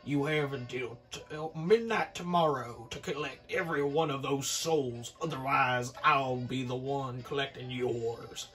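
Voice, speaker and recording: A man putting on a sleazy devil who runs a casino, drawing his words out slowly and loudly to threaten. He stays at a middle pitch, with faint music behind him. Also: natural voice. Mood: menacing. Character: booming sleazy male devil casino owner.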